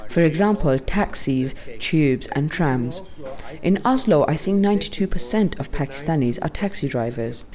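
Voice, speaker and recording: A man with a fairly high voice reads scripted documentary narration. The delivery is that of a prepared first-person account. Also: a little mellow.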